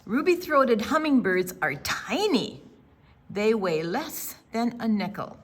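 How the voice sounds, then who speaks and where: An older woman presenting storytime reads a picture book to children, using deliberate storyteller phrasing and dramatic pauses. Her voice sits on the high side and swings widely in pitch.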